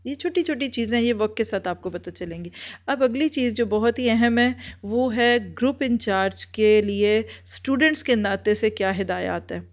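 Woman, fairly high voice, earnest instructional talk, lots of examples, dull lo-fi recording. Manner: earnest, gives many examples, repeats points for emphasis. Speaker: trainer of group leaders.

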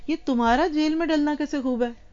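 A man's voice: very high voice, darkish tone, dull audio, pitched above the performer's own voice. A woman voicing an indignant old king. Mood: puzzled. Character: angry proud king of old tale.

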